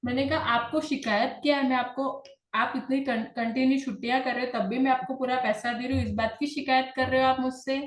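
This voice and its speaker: A woman telling a personal story to her class in a calm, conversational way. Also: sits high, a little fast, echoey room. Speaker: class leader.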